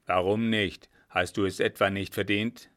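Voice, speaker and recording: A man voicing a gruff, irritable army captain who talks loudly and threateningly. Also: fairly low pitch, moderate pace. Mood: angry, barking. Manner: loud, barking and threatening.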